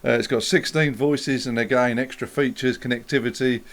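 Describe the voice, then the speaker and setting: A man's voice: mid-range voice, fairly even intonation, normal speed. A man co-hosting a casual gear chat, explaining things steadily, with many ums. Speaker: co-host.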